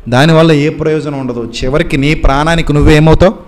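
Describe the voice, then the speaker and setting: A man's voice: on the high side, steady tone, quick pace, a little mellow. A male preacher delivering a sermon, admonishing his listeners with many rhetorical questions.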